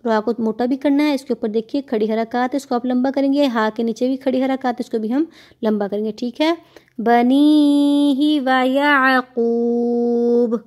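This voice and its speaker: A patient woman with a Pakistani Urdu accent teaches a tajweed lesson in a slightly high voice. She explains how each letter should sound and then recites the verses slowly, drawing out the vowels. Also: a little mellow.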